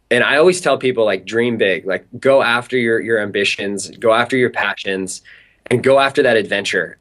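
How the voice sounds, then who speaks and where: A young man from Southern California, a guest telling an animated story in an interview, talking in a chatty way full of filler words. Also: on the low side.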